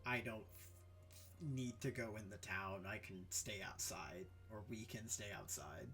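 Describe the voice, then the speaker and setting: A man voicing a wary male band leader who speaks in slow, halting phrases. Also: faint music behind. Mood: guarded. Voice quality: halting, slow, low and quiet.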